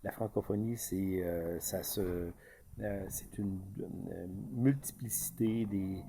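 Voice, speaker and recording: A man's voice: sits low, fairly even intonation, slow pace, mellow, a little hiss or hum. A man with a Québécois accent, speaking in a casual commentary full of fillers and restarts. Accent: Québécois French. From Quebec. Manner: hesitant, many fillers and restarts. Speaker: market commentator.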